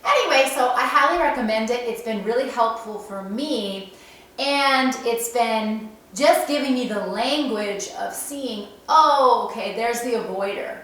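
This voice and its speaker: A woman's voice: on the high side, fairly bright tone. Woman in a very echoey room. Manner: earnest, acts out inner voices in quick quotes. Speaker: self-help podcast host. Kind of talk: casual reflective monologue. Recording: very echoey room, distant mic, faint noise.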